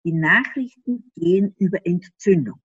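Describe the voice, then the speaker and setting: Her voice is lowish and fairly bright with a breathy edge, delivered at normal speed, as the Austrian interviewee explains things with animation. She has an Austrian German accent, laughs often, and uses rhetorical questions. The dry recording is slightly dull.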